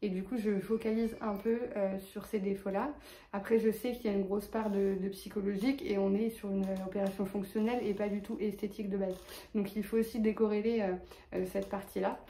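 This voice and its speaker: Lisping woman with a flat, roomy sound. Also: medium pitch, brisk. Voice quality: lisp on s sounds. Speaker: vlogger. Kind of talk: personal vlog update, casual talk.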